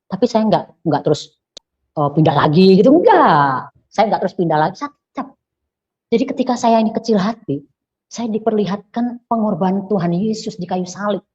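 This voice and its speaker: A woman gives an earnest personal testimony, halting and repeating her phrases as she pleads her case. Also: medium pitch, lively intonation, darkish tone, slightly rough. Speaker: convert giving a personal testimony. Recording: muffled lo-fi recording.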